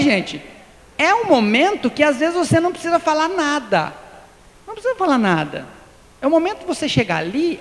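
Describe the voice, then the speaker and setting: A man with a high, very animated voice gives a Spiritist talk, spinning humorous stories and playing out both sides of each conversation. The sound rings with long hall reverb over a faint hiss. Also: creaky. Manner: humorous storyteller acting out dialogues. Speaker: lecturer at a Spiritist center. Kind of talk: Spiritist lecture with anecdotes. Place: lecture hall.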